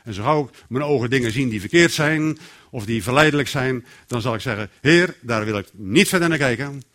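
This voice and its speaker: A man preaching a sermon in a lively, animated way, acting out quotes and inner voices. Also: mid-range voice, fairly quick.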